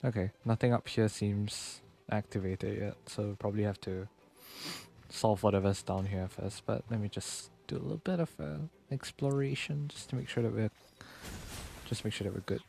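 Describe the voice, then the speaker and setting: Game music plays behind a young male streamer and VTuber as he talks through his gameplay in a casual, easygoing, think-aloud style. He speaks at a normal speed in a lowish, gravelly, dark-toned voice.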